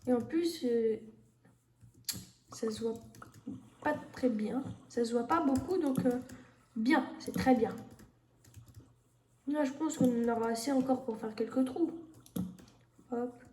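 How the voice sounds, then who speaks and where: High, unhurried woman narrating gameplay. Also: dark tone. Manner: thinking aloud, many fillers, talks to the viewers. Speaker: gamer streamer. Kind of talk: casual gameplay commentary. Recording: echoey room with faint noise.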